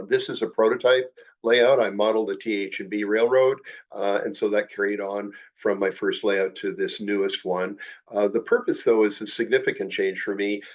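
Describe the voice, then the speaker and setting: An older Canadian man presents a model railroad clinic with a slideshow, sounding congested and slightly nasal from a head cold. His fairly low voice is measured and full of uh and um fillers, and the recording is muffled.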